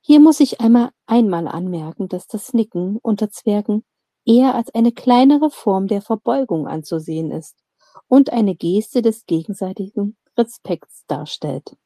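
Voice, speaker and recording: A woman reads a fantasy audiobook aloud in a calm, measured way. Her voice is mellow and dark, close and dry with no room sound. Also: mid-range voice, no room sound. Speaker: narrator. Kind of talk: audiobook reading.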